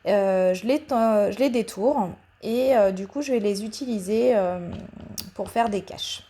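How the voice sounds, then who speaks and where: A woman talking through a paper craft tutorial in a voice-over, hesitant, with many pauses and fillers, explaining each step patiently. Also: medium pitch, dark tone, a little hiss or hum.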